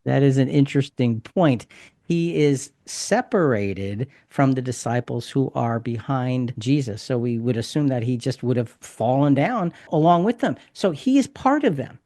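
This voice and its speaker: A man's voice: medium pitch, lively intonation, normal speed, dark tone, no room sound, studio quality. Emphatic man leading a Bible discussion. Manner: emphatic, explanatory, repeats key points. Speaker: podcast host.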